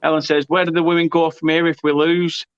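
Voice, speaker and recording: A man's voice: on the high side, quick pace, smooth, dry recording. Man hosting a football watchalong. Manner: excitable, shouts during goal moments. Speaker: watchalong host. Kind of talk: live football watchalong commentary. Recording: dull lo-fi dry sound.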